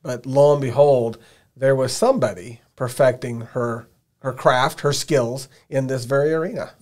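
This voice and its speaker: A man co-hosting a casual talk show, agreeable and quick to chuckle. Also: mid-range voice, steady tone, a little mellow. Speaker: show co-host. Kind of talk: casual interview chat.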